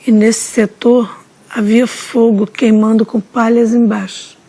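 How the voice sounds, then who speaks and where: A woman narrating a religious testimony in a solemn, measured storytelling manner. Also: a little high, level tone, dark tone, breathy edge. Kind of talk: slow dramatic testimony narration.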